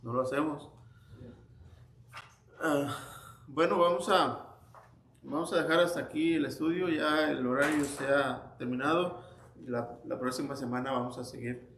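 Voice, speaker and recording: This informal Bible class is led by a man whose mid-range voice is a bit bright and a little slow, broken by long pauses. He tells anecdotes conversationally, often restarting and quoting the stories he shares. There's a little hiss or hum, and the echoey church room carries a faint ambience.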